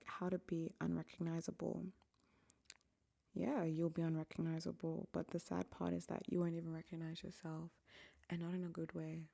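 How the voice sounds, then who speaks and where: A woman's voice: deep voice, vocal fry, mellow. A young woman from Africa hosting a solo podcast, talking candidly and reflectively into a microphone. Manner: candid and reflective, often dropping to a near whisper. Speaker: podcast host. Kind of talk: casual solo podcast monologue.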